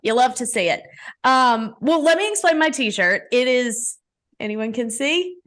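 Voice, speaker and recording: A woman's voice: on the high side, animated, measured pace, a bit bright. A young woman from Alabama hosting a casual sports show in a chatty, playful, teasing way.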